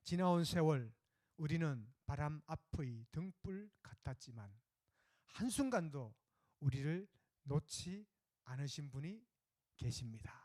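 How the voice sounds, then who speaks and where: This is a male pastor delivering a Sunday sermon in a relaxed, conversational style, telling stories and pausing with small fillers. His voice is fairly high for a man, and the sound is dry and close to the mic. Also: dry recording.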